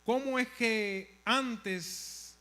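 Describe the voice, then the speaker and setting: A man co-pastor preaching a sermon in short phrases, pausing for his interpreter. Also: extremely high pitch, pushed and bright.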